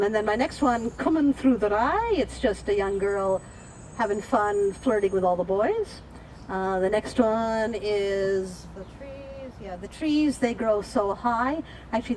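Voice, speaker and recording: A woman's voice: mid-range voice, darkish tone, recorded from a distance, a little hiss or hum, poor audio. A woman folk singer introducing her songs at a live performance in a chatty, informal way.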